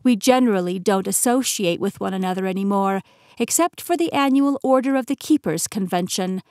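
A woman's voice: mid-range voice, expressive, darkish tone, no echo, studio quality, close to an everyday voice. Millie, a woman voicing a poised immortal keeper. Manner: measured, explanatory. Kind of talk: audiobook character reading.

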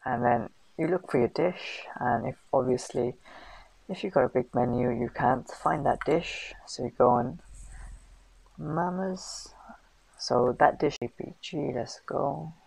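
A man's voice: on the high side, measured pace, gravelly, a little mellow, breathy edge, poor audio. A man hosting a casual screen-recorded tutorial, chatty and full of fillers and slang. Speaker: host of a food business channel.

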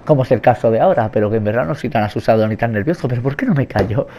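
A young man with a Spain Spanish accent, giving nervous, rambling, joking commentary while playing a horror game and shouting at its enemies. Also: medium pitch, animated, racing, slight background noise. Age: young adult. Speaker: let's play gamer.

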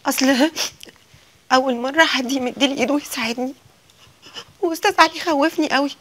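Brief: a young Egyptian woman aching to act, pleading, quick and high. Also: a bit bright. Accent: Egyptian Arabic. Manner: pleading, rapid and breathless.

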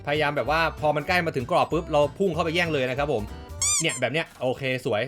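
A man giving casual, excitable gameplay commentary, swearing freely and calling plays like a sports caster. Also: fairly high pitch, quick pace, faint music behind. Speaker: gaming YouTuber.

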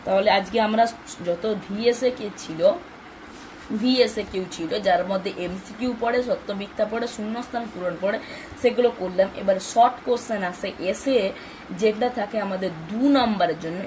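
A woman's voice: medium pitch, fairly quick, a little mellow, slight background noise, poor audio. A woman teaching a math lesson for exams, explaining step by step and answering her own questions. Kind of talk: exam-focused math lesson.

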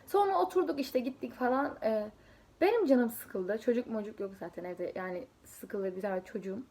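A chatty young woman talks straight to her viewers, telling her stories in a loose, rambling way. Her voice sits a little high, and she keeps breaking off into asides and small giggles. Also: moderate pace, darkish tone. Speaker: vlogger; student preparing for an exam. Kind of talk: casual storytelling to camera.

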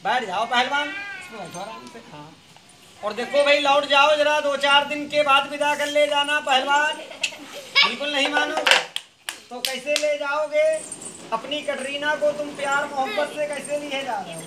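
A man running a street monkey show, calling out loud teasing commands to the animals. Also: extremely high pitch, fairly even intonation, measured pace. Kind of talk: showman's patter to a crowd. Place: outdoors at a school ground. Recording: crowd noise around. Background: children's crowd.

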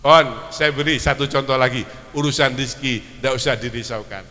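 A man's voice: mid-range voice, moderate pace, pushed and bright, long reverb tail. A middle-aged man with a Madurese accent, preaching a sermon at a religious celebration and pressing the crowd with questions. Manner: quizzes the crowd, urging them to answer. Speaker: Islamic preacher (kyai).

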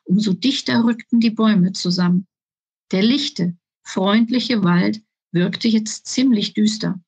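A woman author reading her children's book aloud in a calm, even storytelling voice. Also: mid-range voice, slightly rough, dry recording, highs cut off.

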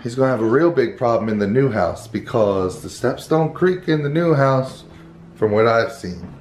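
A middle-aged father scolds and swears his way through a casual family vlog. His voice is middle-pitched and rises and falls a lot. He is blunt and coarse in the way he talks. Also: lively intonation, normal speed, a little mellow, slight background noise.

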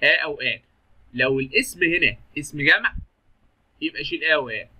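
A man's voice: a little high, lively intonation, brisk, pushed and bright. A young man with an Egyptian Arabic accent teaches English grammar in a chatty, joking way, often asking a question and then answering it himself. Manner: chatty, jokey, asks and answers his own questions. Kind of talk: lively classroom-style grammar lesson.

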